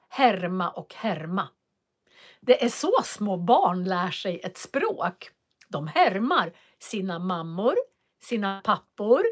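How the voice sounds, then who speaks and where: A woman teaching Swedish in a live online lesson, speaking slowly and clearly and repeating phrases for learners to copy. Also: medium pitch. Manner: walks viewers through web links on screen.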